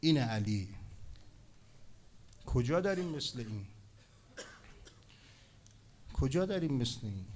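A man delivers a fervent sermon at a religious gathering on a night of mourning. His voice sits at a middling pitch. He rises into loud, ringing exclamations, then sinks into slow, hushed lines. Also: gravelly. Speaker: preacher. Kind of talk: impassioned sermon.

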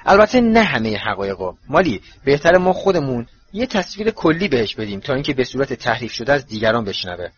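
A man voicing a calm, thoughtful grown man in a storybook reading, speaking softly and evenly. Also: fairly high pitch, breathy edge, pitched above the performer's own voice. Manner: soft and even-tempered. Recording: dull lo-fi recording.

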